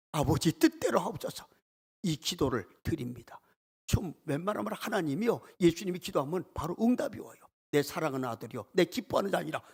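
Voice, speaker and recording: A male pastor delivers a heartfelt sermon with a gravelly, husky voice. His pitch swings widely, climbing high on emphatic phrases and sinking low and soft. He reads and retells scripture with emotional emphasis. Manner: emotional preaching with sudden pitch leaps and dramatic drops. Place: church sanctuary.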